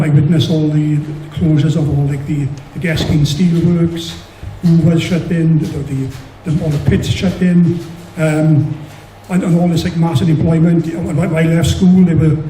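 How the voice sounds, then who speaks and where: A man's voice: a little high, level tone, normal speed, dark tone. A man from South Wales with a Valleys accent, answering hesitantly at a public hustings, often repeating words. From Merthyr Tydfil, Wales. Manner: hesitant, stammered repetitions. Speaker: election candidate. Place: indoor public meeting hall. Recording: echoey, distant mic, faint noise.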